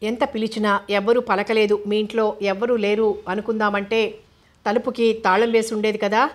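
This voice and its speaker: A woman's voice: medium pitch, flat delivery, a little fast, lightly acted. A woman reading the lines of a polite, shy young male college student in an audiobook novel. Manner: polite, mild-mannered.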